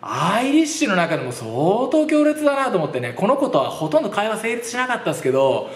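A man's voice: high voice, big pitch swings, fast. A man hosting a horse racing channel, talking casually to camera in a rambling, chatty way and laughing often. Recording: roomy echo.

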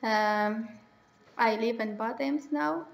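A teenage girl from Afghanistan, speaking English haltingly and pausing often to search for words. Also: on the high side, vocal fry, echoey room, slight background noise, rough recording. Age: teens. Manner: hesitant, searching for words, many pauses. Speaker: young migrant speaking about herself. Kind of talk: halting personal monologue in a second language.

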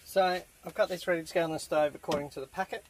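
A man's voice: a little high, fast talker. A man casually talking through a camp cooking recipe step by step, filmed in a tent camp kitchen. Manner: relaxed, chatty step-by-step instructions. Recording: noisy outdoor camp recording.

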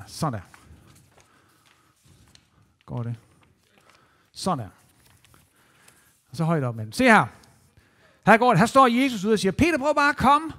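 High-voiced man telling a lively story. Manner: lively, animated and playful. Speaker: children's entertainer. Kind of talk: storytelling to children. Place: church.

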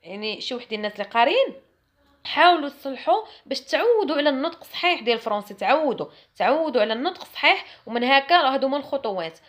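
A woman's voice: high-pitched, sing-song, racing. A young woman with a Moroccan Arabic accent giving a chatty, emphatic French lesson to camera. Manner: chatty and emphatic, mimics others mockingly. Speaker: French teacher.

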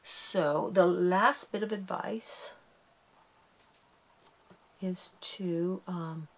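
A woman's voice: fairly low pitch, steady tone, extremely slow. A woman hosting a casual craft tutorial, chatty and self-deprecating as she talks through each step while working with her hands.

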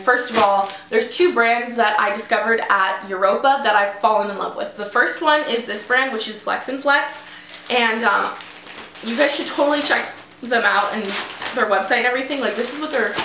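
A woman's voice: on the high side, sharp tone, a little hiss or hum. Chatty young woman in echoey room. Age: young adult. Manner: chatty, upbeat, frequent "like" and "um". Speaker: fitness vlogger. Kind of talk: casual haul video. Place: small indoor room, seated before a tapestry.

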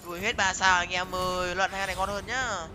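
A young man giving excited live commentary on his game, talking to viewers and repeating words in quick bursts. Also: sits high, background noise. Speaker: game streamer. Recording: music playing behind voice.

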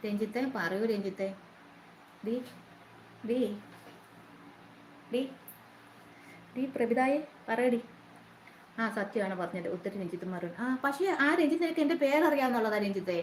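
A woman's voice: on the high side, expressive, normal speed, long pauses. A woman hosting a casual live stream, chatting and greeting her viewers by name one after another. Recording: roomy echo, faint noise.

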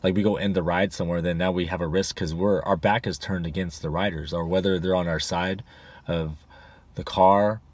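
A man's voice: sits low, fairly even intonation, normal speed, no room sound. A man in his forties, a rideshare driver, giving casual advice to a dashboard camera in his car, rambling with many fillers and restarts. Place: inside a parked car.

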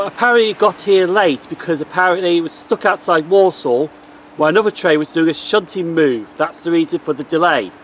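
A man, talking casually to camera as a vlogger. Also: fairly high pitch. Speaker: train vlogger and retail worker. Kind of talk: casual vlog talk to camera. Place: outdoors on a rainy railway platform. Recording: noisy outdoor camera audio. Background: outdoor station noise.

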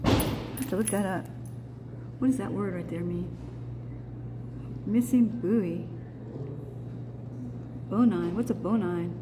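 A middle-aged woman speaks at medium pitch, slowly and with long pauses, while filming herself on a handheld phone in courthouse hallways. She chats casually about the public building and asks curious, teasing questions. The recording is echoey, with loud background noise.

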